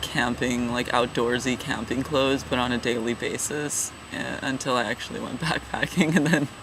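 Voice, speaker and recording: A man in his twenties from California talks in a halting, thoughtful, self-deprecating way in a casual personal vlog. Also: medium pitch, steady tone, noisy background. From California, USA. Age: 20s. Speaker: vlogger, regular channel contributor.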